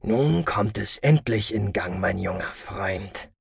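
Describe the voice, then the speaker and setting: A man's voice: on the low side, expressive, takes it slowly, creaky, husky, dry recording, studio quality, heavily acted. A man voicing a sonorous commander near sixty. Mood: calm. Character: commanding male alien officer near sixty.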